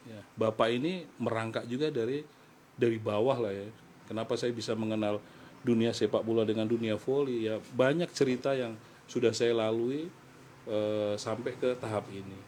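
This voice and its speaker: A man's voice: medium pitch, steady tone, normal speed, darkish tone, poor audio. Middle-aged guy, earnest and fatherly, chatty storytelling, bit of faint noise behind. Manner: earnest, fatherly, speaks in quoted advice to his ward. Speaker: guest, foster father and football mentor. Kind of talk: heartfelt conversational storytelling.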